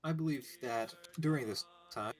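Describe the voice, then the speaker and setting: A man speaking in a halting, tentative way as a player in a tabletop game. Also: mid-range voice, soft background music.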